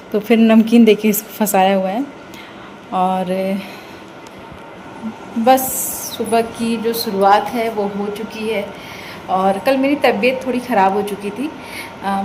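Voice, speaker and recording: A woman's voice: medium pitch, noisy background. A young woman chatting through her morning routine for a home vlog, explaining what she is doing as she goes. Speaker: vlogger. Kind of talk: casual home vlog narration. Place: at home, kitchen and house.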